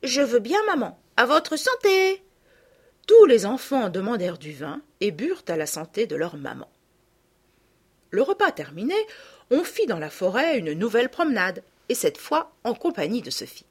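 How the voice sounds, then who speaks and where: Woman reading a children's story, animated, breathy, lively. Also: medium pitch, normal speed. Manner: expressive, animated narration. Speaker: audiobook reader.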